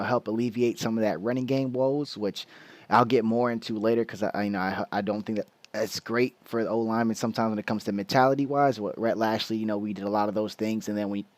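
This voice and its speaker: A man's voice: lowish voice, no room sound. A man giving a casual football film breakdown, loose and slangy, explaining plays with lots of restarts and the hiccups.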